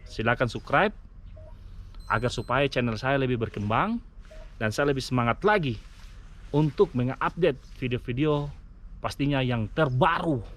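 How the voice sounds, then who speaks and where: This mine vehicle driver and vlogger presents a truck walkaround and review, explaining things eagerly straight to his audience. His mid-range voice is fairly bright, with lively intonation, normal speed, and long pauses.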